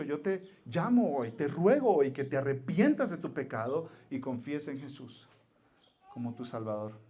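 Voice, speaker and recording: A Mexican pastor preaching in a church, his high voice pleading with the congregation. He drops to near-whispers and then builds to forceful appeals. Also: husky. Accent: Mexican Spanish. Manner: pleading, swings from hushed to forceful. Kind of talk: sermon.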